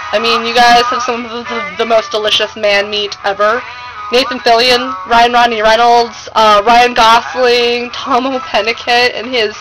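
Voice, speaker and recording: Casting: American female vlogger, high voice, gushing and slangy, informal monologue over music. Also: low-quality recording. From United States. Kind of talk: casual chatty vlog monologue. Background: music playing.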